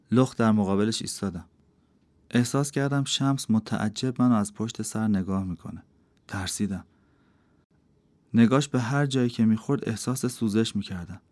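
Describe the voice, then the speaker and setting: A man reading a novel aloud as an audiobook, telling the story in an intimate, measured first-person way. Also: lowish voice, no room sound. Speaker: audiobook reader. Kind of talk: scripted narration of a novel. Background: soft instrumental music.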